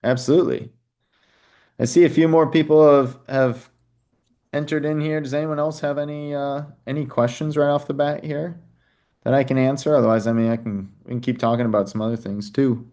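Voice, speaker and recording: A man's voice: medium pitch, steady tone, brisk, warm tone. A man hosting a live question-and-answer session, talking casually with many fillers. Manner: casual, chatty, plays sellers' lines in quotes, many "you know"s. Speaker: host. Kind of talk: live Q&A on a video call.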